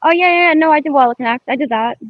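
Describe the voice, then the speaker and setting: A man's voice: very high voice, racing. A man giving short, easygoing replies in a casual crypto chat. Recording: dull lo-fi audio.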